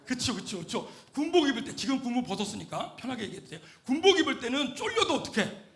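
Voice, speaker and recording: A middle-aged male pastor giving a lively sermon, questioning the congregation and shouting at the high points. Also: fast, vocal fry, roomy sound. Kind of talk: lively sermon with call-and-response. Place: church sanctuary.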